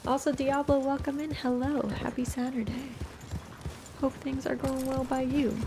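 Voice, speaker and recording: A woman's voice: sits high, little pitch movement, normal speed, background noise. An American woman chatting casually on a game livestream in a chilled, cozy way. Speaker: game streamer. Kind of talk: casual livestream chat over gameplay. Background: game music, horse hooves and animal sounds.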